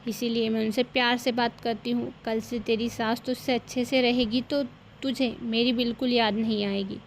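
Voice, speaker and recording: A woman voicing a kind, patient middle-aged mother-in-law who advises gently in a cartoon story. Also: fairly high pitch, level tone, moderate pace, slight background noise, close to an everyday voice. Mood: advising.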